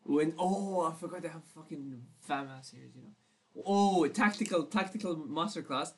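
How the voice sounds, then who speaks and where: A man's voice: fairly high pitch, normal speed, slightly rough. A young man co-hosting a casual podcast chat, playful and teasing, swearing often. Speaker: podcast co-host.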